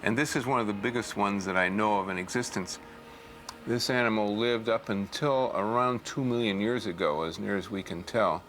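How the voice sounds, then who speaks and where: A man explaining as an expert in a documentary interview, hesitant and measured. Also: fairly low pitch, a bit bright. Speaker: shark fossil expert. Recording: faint background ambient noise.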